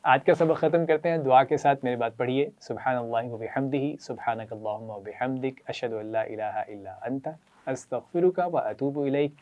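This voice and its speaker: A man's voice: mid-range voice, a little mellow. A man teaching children a Quran reading lesson with a Pakistani Urdu accent. He praises them often and leads them in repeating letters and sounds.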